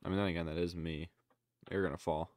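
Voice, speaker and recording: A man's voice: sits low, steady tone, fast, darkish tone, dry recording, clean studio sound. A young man giving loose, casual running commentary on fail clips, full of exclamations. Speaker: reaction video creator.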